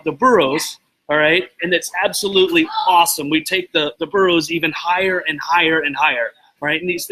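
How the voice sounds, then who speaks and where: A man hosting a live video show, telling a story to his viewers in a rambling, excitable way and stopping to greet people by name. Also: a little high, low-quality recording. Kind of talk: casual motivational talk to live viewers.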